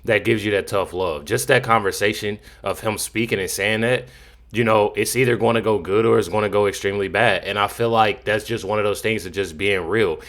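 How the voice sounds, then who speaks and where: A man's voice: lowish voice, steady tone, brisk, a bit bright. A man giving casual, unscripted commentary in a rambling, repetitive way, leaning often on filler phrases. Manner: rambling, repeats himself, frequent "you know". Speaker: commentator reacting to news clips.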